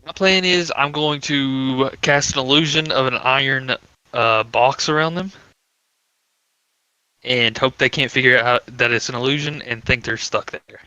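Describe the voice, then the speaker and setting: A man playing a tabletop game, thinking aloud with hesitant pauses. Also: mid-range voice, bright, forceful tone, clean tone, no room sound, poor audio. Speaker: player. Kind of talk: tabletop game planning chat.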